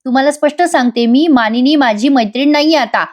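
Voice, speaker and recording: A woman's voice: high-pitched, brisk, voice pushed up, natural voice. A woman voicing an irritable, impatient woman who answers curtly on the phone. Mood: irritated. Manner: snappy, curt.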